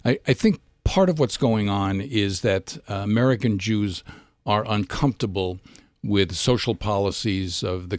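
Male guest commentator, measured and analytical, dry studio sound. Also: on the low side, no room sound. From New York. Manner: measured, analytical, with hesitant restarts. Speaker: political editor guest. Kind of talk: radio panel discussion.

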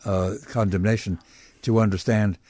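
A man hosting a radio talk show, asking probing questions in a measured way and summarizing his guest's points. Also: on the low side, fairly even intonation, dark tone, no echo. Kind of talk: radio interview. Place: radio studio.

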